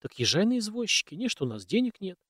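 A man voicing a timid, fussing old housekeeper woman with a squeaky voice. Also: very animated, fast, a bit bright, dry recording, studio quality, full character voice. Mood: homely. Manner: squeaky, anxious.

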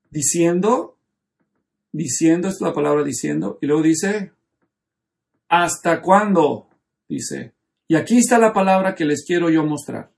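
A man's voice: sits high, creaky. A man teaching a Bible study class, explaining the text step by step and checking in with his students. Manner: explanatory, asks the class questions.

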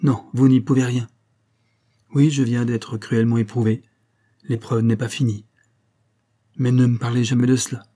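A man's voice: mid-range voice, little pitch movement, normal speed, pauses often, dark tone, close to an everyday voice. A man reading an audiobook, voicing a stern, agitated young husband in clipped, tense phrases. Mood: angry. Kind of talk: audiobook character voice.

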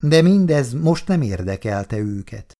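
A man narrating a novel in a measured, steady reading voice. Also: medium pitch. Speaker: audiobook narrator. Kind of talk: scripted narration.

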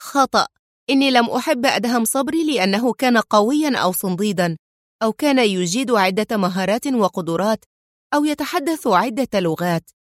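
A woman's voice: on the high side, lively intonation, a little fast, no echo, clean studio sound, natural voice. A woman voicing a fiery young woman who exclaims in indignation in an audiobook. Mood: passionate. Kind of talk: audiobook character reading.

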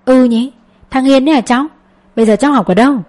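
A woman reading an audiobook, voicing a blunt, loud older village woman who teases with rapid questions. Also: sits high, pitched above the performer's own voice, natural voice. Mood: teasing.

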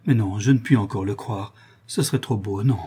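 A man's voice: fairly low pitch, brisk, dark tone, husky. A man reading aloud and voicing a proud aristocratic countess who speaks in an imperious, emotional way.

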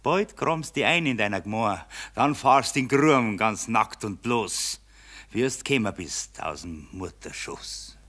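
An actor playing a gloating, mocking male spirit of money in a radio play, speaking with a Bavarian accent and swinging from loud jeers to low sneers. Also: expressive, takes it slowly, exaggerated voice.

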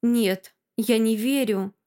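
Lady reading as a stunned young guy, tense and accusing, higher than a man. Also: takes it slowly, warm tone.

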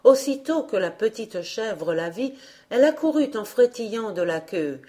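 A woman reading a fairy tale aloud as an audiobook narrator, in a slow, measured way. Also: fairly high pitch, expressive, dark tone. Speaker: audiobook reader.

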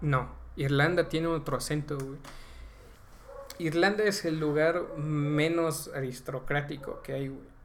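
A young Mexican man co-hosts a casual podcast, explaining at length and tagging nearly every phrase with a slang filler. His voice is fairly high, steady, and unhurried, with slight background noise.

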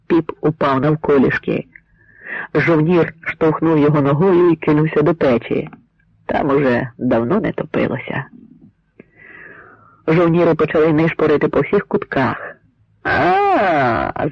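A man narrating a dramatic historical story in a measured storytelling manner, on a dry, slightly muffled recording. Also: mid-range voice, husky, dry recording. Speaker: audiobook narrator.

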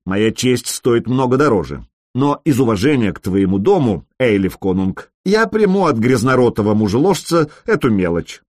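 A man voicing a bold young man who answers with booming sarcasm. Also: very animated, moderate pace, darkish tone, no echo, clean studio sound. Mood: mocking. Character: bold young man in a Viking hall, cool and mocking.

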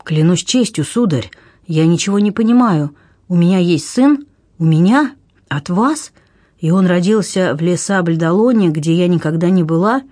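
A man's voice: high voice, animated, moderate pace, darkish tone, dry recording, studio quality. A man reading an audiobook, voicing a proud noblewoman, a duchess who is agitated and exclaims in a raised voice. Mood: disbelieving.

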